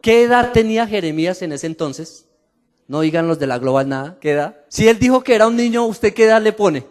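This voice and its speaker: A man's voice: high voice, a little fast. A Colombian man preaching a sermon to his congregation, telling stories with humor and asking the crowd questions. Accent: Colombian Spanish. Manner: animated storytelling with the congregation, laughing and asking questions. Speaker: pastor. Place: church hall. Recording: long hall reverb.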